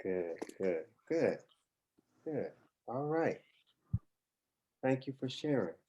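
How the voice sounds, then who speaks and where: A man leading a class discussion, slow and deliberate, with short acknowledgments to the group. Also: medium pitch, very animated, dark tone, highs cut off, a little hiss or hum. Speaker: discussion leader.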